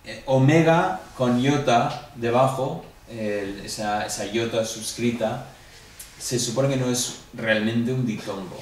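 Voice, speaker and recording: A man's voice: mid-range voice, takes it slowly. A man with a Spanish accent leads a classroom review, walking through each answer and asking his students questions along the way. He is recorded from a distance in an echoey room, with a faint hum underneath. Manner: explains step by step, asks the class questions. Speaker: Greek teacher.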